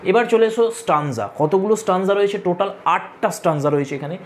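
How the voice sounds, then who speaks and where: Quick-paced and expressive, a male literature tutor with a high voice lectures exam students step by step, repeating key points. He talks straight to them and asks them to take notes, with slight background noise behind him.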